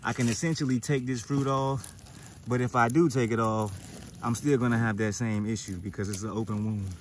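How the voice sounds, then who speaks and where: Dude walking thru his veggie garden, a bit out of breath, laid back and chatty, mid pitch, faint outdoor noise behind. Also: brisk. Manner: relaxed, chatty, thinking aloud with fillers. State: slightly out of breath. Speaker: gardening vlogger. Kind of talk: casual instructional garden walkthrough.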